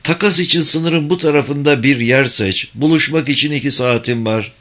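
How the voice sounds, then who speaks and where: Man doing a hard-nosed mom, firm and clipped, higher pitched, bright tone. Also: normal speed, close to an everyday voice. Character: tough determined mother, a former judge.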